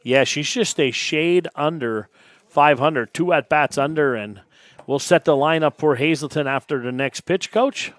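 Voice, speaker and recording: A man doing live play-by-play on a high school softball broadcast, briskly reading lineups and calling pitches. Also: no room sound. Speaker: play-by-play announcer.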